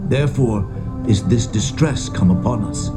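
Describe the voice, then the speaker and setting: An actor playing a humble, fearful Hebrew brother in a dramatised scripture reading, earnest and deferential. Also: male voice, fairly low pitch, normal speed, lightly acted. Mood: troubled. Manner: earnest, deferential archaic speech. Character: humble, fearful Hebrew shepherd brother pleading before a lord. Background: music.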